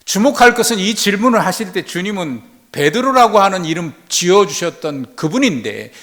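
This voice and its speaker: A male pastor delivering a sermon, retelling a story slowly and reflectively. He swings between hushed, near-whispered passages and loud, emphatic lines. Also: high-pitched, sing-song.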